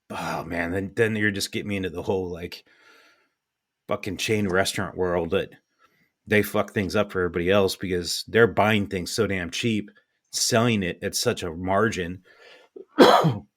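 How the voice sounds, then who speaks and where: A man's voice: sits low, moderate pace, long pauses. A man in casual, opinionated conversation, ranting bluntly with exasperation and some swearing.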